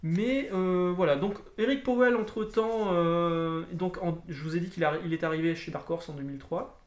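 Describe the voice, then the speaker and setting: A man talks through a comic book review in a loose, rambling way, full of fillers and restarts. His voice sits a little high, and the room around him gives a clear echo. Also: moderate pace. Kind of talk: casual video review.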